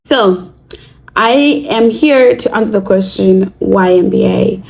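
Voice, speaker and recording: A woman's voice: medium pitch, slow pace, gravelly, a little mellow, faint music behind, low-quality recording. A young adult woman from Zimbabwe, talking earnestly and reflectively to camera in a casual vlog. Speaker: vlogger.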